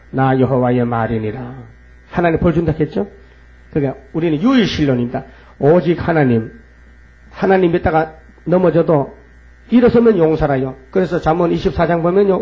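A man's voice: a little high, dark tone. A man preaching a fervent sermon. He reads scripture aloud and keeps asking and answering his own rhetorical questions. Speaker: pastor. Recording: dull lo-fi recording with mains hum.

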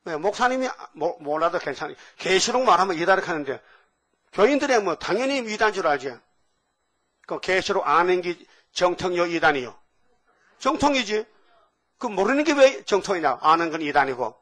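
A man's voice: sits high, brisk. An older man preaching a sermon, asking the congregation question after question. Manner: animated, asks the audience questions.

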